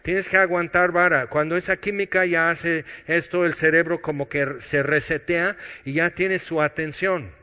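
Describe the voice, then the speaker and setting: A man preaching a sermon, swinging between loud emphasis and quiet intimate asides. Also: a little high, fairly even intonation, moderate pace, few pauses. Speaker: pastor. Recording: dull lo-fi audio with long hall reverb.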